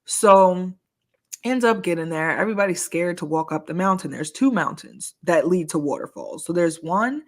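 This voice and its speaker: A woman co-hosting a podcast, in a lower voice than most, telling a personal story in easy conversation. Her delivery is animated, with a steady stream of "like" and laughs at her own past self. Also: normal speed. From United States. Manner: animated storyteller, heavy use of "like", laughs at herself. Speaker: podcast co-host. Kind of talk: casual storytelling chat.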